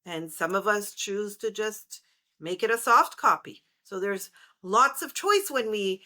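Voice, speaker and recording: A middle-aged woman hosting a podcast interview, speaking in a measured, reflective way. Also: mid-range voice, lively intonation, sharp tone. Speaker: podcast host.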